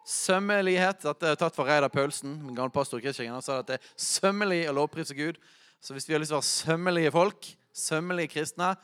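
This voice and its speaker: A man preaches a sermon in a fairly high voice. He stretches words slowly for emphasis and breaks into loud shouts at the high points. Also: clean tone. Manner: preaching with bursts of shouting when quoting.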